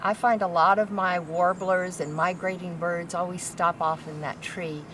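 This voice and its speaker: A woman from Kentucky in the United States leads a casual, instructive tour of her home garden outdoors, pointing out plants in plain words. Her voice is fairly low and a bit bright, with fairly even intonation and normal speed. The recording is low quality, with faint outdoor ambient noise behind her.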